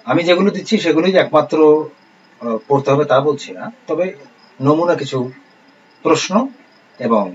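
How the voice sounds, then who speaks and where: A man teaching a recorded online lesson, speaking in a calm, measured way and reading out lists of words slowly. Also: fairly high pitch. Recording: slightly dull lo-fi recording with faint hiss.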